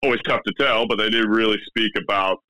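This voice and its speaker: A man's voice: fairly low pitch, quick pace, bright, forceful tone, no room sound, low-quality recording. A man giving basketball predictions as a guest, hesitant with many fillers. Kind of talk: casual sports chat.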